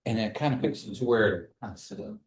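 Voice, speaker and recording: A man's voice: lowish voice, fast. A man teaching a language class in a casual, conversational way. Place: indoor classroom. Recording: echoey room.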